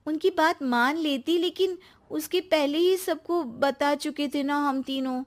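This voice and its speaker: A woman's voice: high voice, unhurried, pitched above the performer's own voice. A woman voicing a cheerful, chatty young daughter-in-law in a cartoon.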